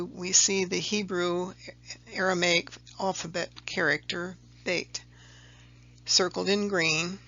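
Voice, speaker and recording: A presenter narrates a slide-by-slide explanation of a letter-number table, methodical and prone to occasional self-correction. The mid-range voice is gravelly, bright, and forceful, recorded with dull audio.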